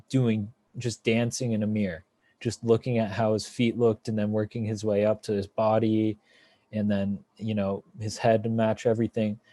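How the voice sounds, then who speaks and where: A man's voice: lowish voice, mellow, dry recording. A man hosting a casual film review chat, talking with enthusiasm and rambling through fillers and restarts. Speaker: podcast host.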